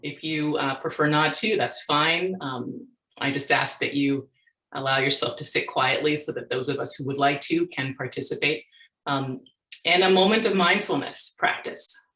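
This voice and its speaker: A woman in her forties, an astronomer leading a workshop, speaking in a calm, inviting way and guiding a slow, soft mindfulness practice. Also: sits low. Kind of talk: workshop talk with guided mindfulness. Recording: roomy echoey sound.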